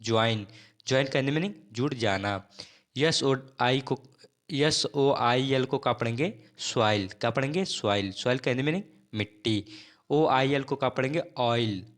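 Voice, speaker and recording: A man's voice: mid-range voice, moderate pace. A man teaching English spelling and pronunciation, who spells each word out letter by letter and repeats it as a drill.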